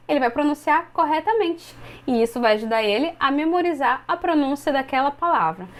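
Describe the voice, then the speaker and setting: Modeling phrases slowly for fellow teachers, this Brazilian English teacher in her twenties walks through each step of her explanation. Her voice sits high.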